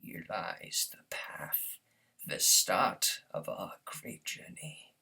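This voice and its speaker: Prophet of Truth, husky thunderous wrathful zealot. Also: male voice, deep voice, sing-song, drawn-out words, bright, forceful tone, in a whisper, distant mic, full character voice. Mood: reverent, grandiose. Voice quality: husky, breathy, gravelly. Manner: solemn, pompous oratory, swelling to thunderous wrath. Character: thunderous wrathful alien prophet, grandiose zealous religious leader. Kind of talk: theatrical game villain impression, grand speeches.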